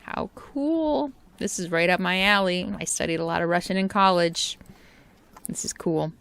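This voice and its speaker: A woman's voice: lowish voice, flat delivery, moderate pace, gravelly, fairly bright tone, clean tone. A woman RV vlogger talking casually to camera outdoors, chatting and reading out local history with small stumbles. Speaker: RV travel vlogger. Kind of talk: casual travel vlog narration.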